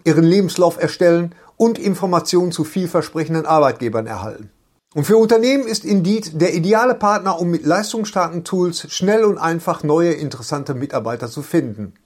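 A man reads a sponsor spot in a smooth, even announcer manner. His voice sits a little higher than most men's. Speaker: ad reader. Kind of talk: scripted sponsor read.

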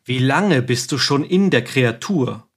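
A man's voice: mid-range voice, lively intonation, unhurried, breathy edge. A man voicing a stern priest exorcist who commands and scolds a demon in a preaching tone. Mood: commanding.

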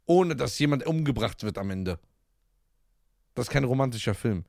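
Teasing, animated German podcast co-host man. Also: medium pitch, normal speed, gravelly, no room sound, clean studio sound. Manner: teasing, animated, acts out film scenes. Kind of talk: casual banter podcast.

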